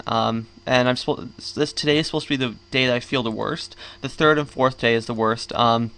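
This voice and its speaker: A man's voice: mid-range voice, a bit bright, clear, resonant tone. A man giving casual, rambling, grumbling game commentary while talking with a sore jaw and swollen cheeks. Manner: rambling, griping. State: sore jaw, swollen cheeks after wisdom tooth surgery. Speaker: gaming vlogger.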